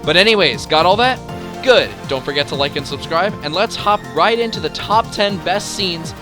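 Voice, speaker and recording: In a video essay voice-over set to music, the male host delivers a scripted countdown at normal speed. His high-pitched, expressive voice carries enthusiastic, dramatic emphasis.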